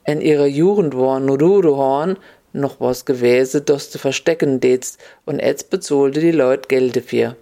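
A storyteller telling a fable in broad Upper Hessian dialect, with a mid-pitched voice. Key words get stretched out slowly for effect, in an unhurried reading. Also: warm tone.

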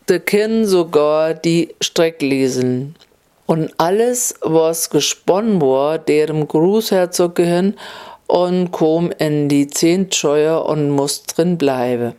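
A woman telling a folk tale in Upper Hessian dialect, in a homely, unhurried way. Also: low-pitched, warm tone, clean tone. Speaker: storyteller.

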